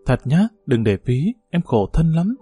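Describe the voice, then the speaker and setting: A man's voice: fairly high pitch, sing-song, measured pace, mellow, slightly rough, faint music behind, full character voice. A man reading the part of a passionate young village woman, pleading and intimate in a story.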